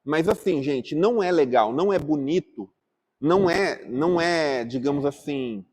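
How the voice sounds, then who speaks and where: A man's voice: a little high, lively intonation, measured pace, darkish tone. A man teaching a class at church, talking casually and asking the group questions. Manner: asks the group questions, calling on people by name. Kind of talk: interactive class talk.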